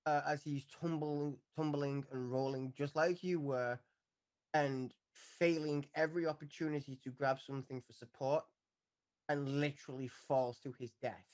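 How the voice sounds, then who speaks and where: A man's voice: fairly high pitch, fairly even intonation, moderate pace, darkish tone. A man narrating as dungeon master, giggly and hesitant with lots of fillers. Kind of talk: narrating a tabletop game.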